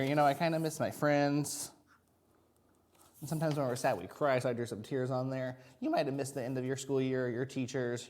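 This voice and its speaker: A man's voice: mid-range voice, darkish tone. A man teaching a kindergarten video lesson, talking to young children in simple, encouraging language.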